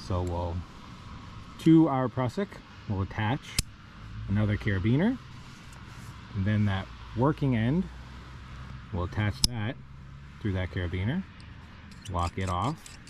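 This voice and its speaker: A man's voice: on the low side, animated, measured pace, pauses often, a little mellow, a little hiss or hum. A man teaching kayak rescue rigging step by step, talking plainly while he works the ropes on a rocky riverbank, recorded by a camera he wears. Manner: plain, methodical, talks while rigging by hand. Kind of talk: step-by-step instructional demo. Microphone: wearable camera on body.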